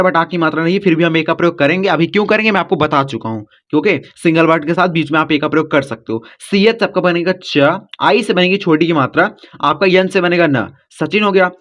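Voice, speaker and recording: A man teaching children to spell names in English, going slowly letter by letter and checking after each step that they follow. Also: fairly high pitch, fairly bright tone. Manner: patient, repeats "ठीक?" after each step. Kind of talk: blackboard lesson for children. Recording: dull lo-fi audio.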